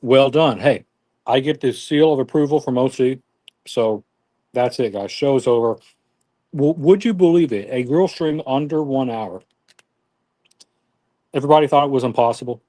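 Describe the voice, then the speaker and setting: A man's voice: medium pitch, dark tone, no echo. A man hosting a casual live cooking stream, chatting with viewers in a self-deprecating way. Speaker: grill streamer.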